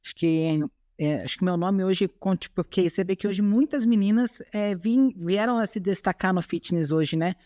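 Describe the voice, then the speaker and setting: Mulher falando com sotaque brasileiro. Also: female voice, medium pitch, normal speed, dark tone, dry recording, studio quality. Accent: Brazilian Portuguese. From Chile. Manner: earnest, tags remarks with "sabe?". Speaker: guest, bodybuilding athlete. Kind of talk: podcast interview, casual chat.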